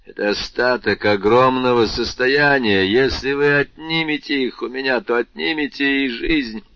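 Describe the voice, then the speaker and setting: A man's voice: medium pitch, moderate pace, a bit bright, no echo, close to an everyday voice. A man reading as a frantic captive banker. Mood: pleading. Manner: pleading, then raging. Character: desperate aging male banker held captive, fearful and furious. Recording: slightly muffled dry recording.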